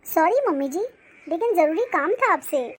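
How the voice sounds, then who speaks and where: Woman doing a gentle sick young bride. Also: extremely high pitch, animated, normal speed. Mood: weary. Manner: soft, polite, weary. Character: sick young daughter-in-law, gentle and dutiful.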